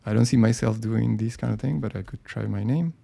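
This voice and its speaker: Speaking a little fast, a design software presenter runs a live tutorial on screen, casual and thinking aloud with frequent ums and restarts. His voice is fairly low, gravelly and mellow.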